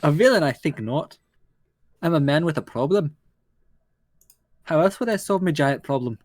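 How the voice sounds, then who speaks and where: A man's voice: on the high side, animated, moderate pace, no echo. Man acting a defensive, haggling dwarf merchant. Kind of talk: tabletop role-play.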